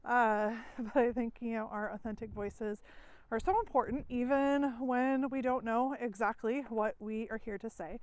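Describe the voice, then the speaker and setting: A middle-aged success coach records a loose, casual vlog outdoors while walking, slightly out of breath, with fillers and small laughs. Her voice is a little high and darkish, with a steady tone, moderate pace, clean sound and no room sound, picked up first on a headphone mic and then a phone mic.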